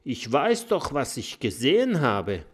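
Storybook role: frantic spiny dragon, squeaky, very high and loud, strained odd voice. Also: male voice, huge pitch swings, measured pace, husky, heavily acted. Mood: flustered. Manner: shrill, frantic, stammering. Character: panicky spiny dragon, convinced a vampire bit him.

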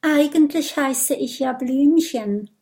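A woman voicing a shy, gentle male skunk in a children's audiobook. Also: sits high, takes it slowly, voice pushed up.

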